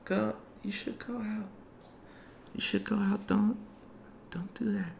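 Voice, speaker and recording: Man voicing a timid, high, hushed little girl. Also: steady tone, slow, a little hiss or hum, heavily acted. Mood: hushed, anxious. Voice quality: small, soft, breathy voice. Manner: hushed, hesitant. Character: timid little human girl, poor and wary. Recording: roomy, echoing room.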